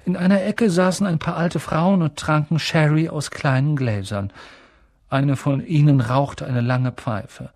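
A man narrating an audiobook in an expressive, theatrical way. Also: on the high side, measured pace, no room sound, studio quality. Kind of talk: audiobook reading.

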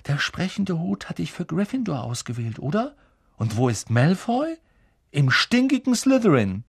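A man voices a kind young boy in a storybook, earnest and often hushed. His voice sits near the reader's own, slightly husky. The sound is dry and close. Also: on the high side, sing-song, moderate pace, no room sound, pitched above the performer's own voice, full character voice. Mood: comforting.

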